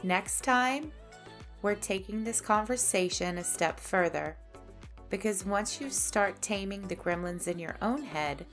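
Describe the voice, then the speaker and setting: A woman hosting a spiritual podcast, delivering a scripted monologue with sass and a preachy edge. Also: lowish voice. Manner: slow, sassy, preachy delivery. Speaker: podcast host. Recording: faint music underneath.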